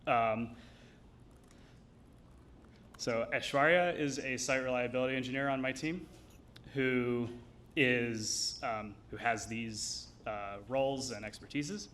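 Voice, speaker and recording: A man giving a live technical demo, explaining it in a hesitant, measured way. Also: medium pitch, fairly bright tone, a little hiss or hum. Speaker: engineer presenting a demo.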